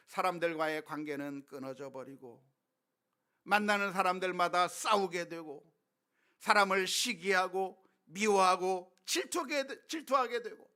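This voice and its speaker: In a clean, high voice, a male pastor delivers a sermon that swings from hushed, quiet stretches to loud, fervent appeals driven by rhetorical questions.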